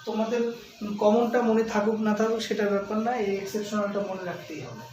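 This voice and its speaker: A man with a Bengali accent teaching English grammar to a class, explaining slowly and repeating words and English terms aloud. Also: high-pitched, a little mellow, distant mic. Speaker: English tutor. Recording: echoey room, voice from afar, faint noise.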